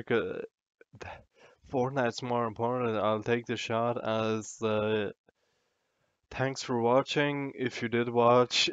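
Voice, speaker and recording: A man's voice: medium pitch, smooth, no room sound, highs cut off. A drunk man in a casual, sweary, meandering and self-deprecating ramble to the camera, as a vlogger does.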